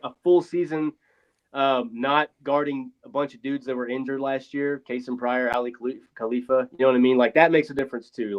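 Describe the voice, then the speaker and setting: A podcast co-host with a mid-range voice rambles through a casual sports chat, frank, loose and occasionally swearing. He's on a remote call through failing wireless earbuds, so his voice sounds thin, hollow and boxy with no bass, like he's in a phone booth. The dull, lo-fi mic strips the body from every word.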